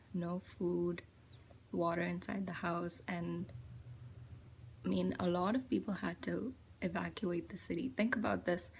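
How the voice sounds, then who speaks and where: A young woman from India shares her thoughts in a loose, reflective vlog monologue. Her voice sits low with a gravelly fry and stays flat in pitch. She talks hesitantly, leaning on plenty of fillers. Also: slight background noise. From Chennai, India. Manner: musing, hesitant, full of fillers. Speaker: vlogger.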